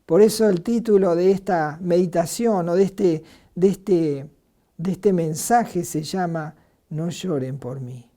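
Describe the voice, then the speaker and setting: An Argentine woman preaching a sermon in an earnest way, asking rhetorical questions and pausing on filler words. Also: lowish voice, mellow. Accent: Argentine Spanish.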